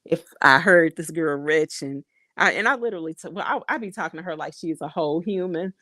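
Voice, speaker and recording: Woman vlogging, low voice, reads comments out and cracks up a lot, dry close sound. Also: fairly quick, bright, forceful tone, no room sound. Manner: chatty, reads comments aloud, laughs often. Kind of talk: casual chat to viewers.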